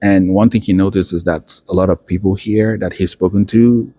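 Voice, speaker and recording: The same student interviewer now comes across low, steady and dark at a normal speed, with slight background noise. He keeps the talk casual and unscripted inside the university building, full of anecdotes and little acted-out quotes.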